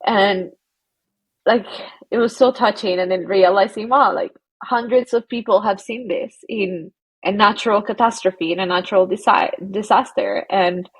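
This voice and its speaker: Female guest from Colombia, husky breathy tone, reflective and halting. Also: mid-range voice, fairly even intonation, poor audio. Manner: reflective, halting, laughs softly between phrases. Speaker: guest, psychologist. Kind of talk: casual interview conversation.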